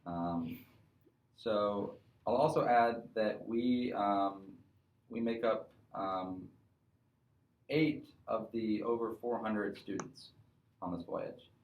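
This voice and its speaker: A young man in his twenties hosts a casual student podcast, talking in a measured, halting way with many fillers. His voice sits low. It echoes around the room. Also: phone-quality sound, a little hiss or hum. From North Carolina, USA. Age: 20s. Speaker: podcast host.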